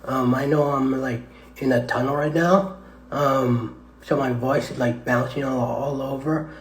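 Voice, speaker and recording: A man talks slowly and hesitantly, stumbling over fillers and restarts as he chats to viewers. His medium-pitched voice comes through a tablet mic and echoes heavily off the walls of a tunnel. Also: steady tone. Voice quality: hesitant, halting with many fillers. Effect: echoing tunnel reverb, voice bouncing around. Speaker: live streamer. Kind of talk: rambling live stream chat. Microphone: tablet microphone.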